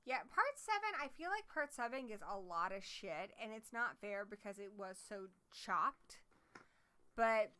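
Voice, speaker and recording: A woman's voice: medium pitch, animated, unhurried, pushed and bright, clean tone. A woman co-hosting a horror livestream in casual chat, talking with enthusiasm and swearing freely.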